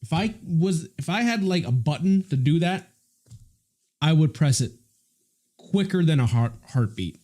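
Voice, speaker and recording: A man's voice: a little high, animated, measured pace, pauses often, warm tone. A man from the United States, chatting casually on a live stream and answering viewer messages.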